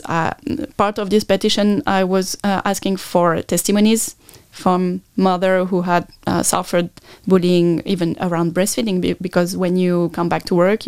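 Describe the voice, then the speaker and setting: A woman's voice: lowish voice, flat delivery, normal speed, hardly any pauses, darkish tone, clear, resonant tone, no echo. A native French-speaking woman with a French accent, explaining things earnestly as a guest in a conversational interview. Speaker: podcast guest, maternity consultant.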